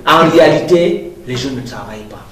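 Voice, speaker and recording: A man's voice: lively intonation, brisk, a crowd in the background. A man, giving an interview in an emphatic, rhetorical way. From Cameroon. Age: 30s. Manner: emphatic, rhetorical, sweeping pitch swings. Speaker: company director, interview guest. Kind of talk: interview talk. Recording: echoey room with faint noise.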